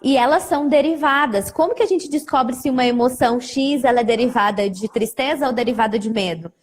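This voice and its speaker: Husky woman psychologist. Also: fairly high pitch, brisk. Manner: explains with acted examples of what clients say. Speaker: psychologist hosting a live stream. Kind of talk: explanatory conversation.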